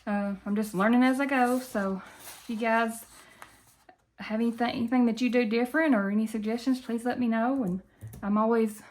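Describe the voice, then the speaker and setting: A woman with a fairly high voice and a country Appalachian accent from Tennessee. She talks in a folksy, chatty way, like a video host casually addressing her viewers. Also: steady tone, normal speed, darkish tone. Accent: country Appalachian Southern US, Tennessee. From Tennessee, southern US.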